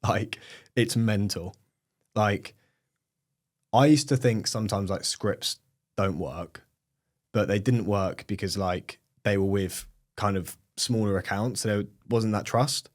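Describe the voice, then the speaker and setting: A young Englishman with a British accent, an agency owner appearing as a podcast guest, talks slowly in a lowish voice. His manner is casual and chatty, full of "like" and "um".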